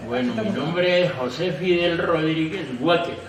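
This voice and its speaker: An older man in his sixties, interviewed for a documentary, speaks slowly and haltingly. He sounds set back from the mic in a very echoey space. A noisy recording hums behind him. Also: a little high, far from the mic. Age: 60s.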